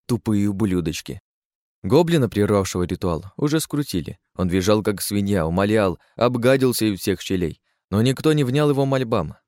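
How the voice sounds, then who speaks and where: A man's voice: on the low side, darkish tone, dry recording, clean studio sound. A man giving sardonic, crude first-person audiobook narration.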